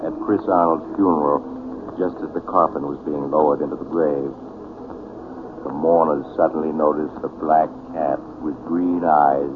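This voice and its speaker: A sinister, genial host of eerie 1940s radio tales. His low voice insinuates as it goes, through a narrow, noisy broadcast.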